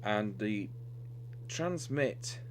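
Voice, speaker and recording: Very slow yet animated, a lowish male voice walks through a radio repair. At an indoor workbench, he explains each step of his unscripted demo with some hesitation. The recording is clearly noisy, humming with electricity.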